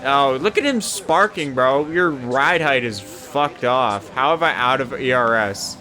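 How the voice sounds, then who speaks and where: A young man casually commentating his own racing game session, swearing often and rambling between excited yelps. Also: medium pitch, unhurried, soft background music. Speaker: gaming YouTuber.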